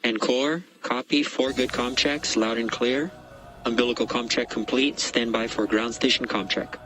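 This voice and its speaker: A man's voice: mid-range voice, steady tone, moderate pace, fairly bright tone, faint music behind, rough recording. A man working as a mission control communicator, giving clipped, formal procedural comm checks in astronaut radio style. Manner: clipped, formal call-and-response phrasing. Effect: radio transmission.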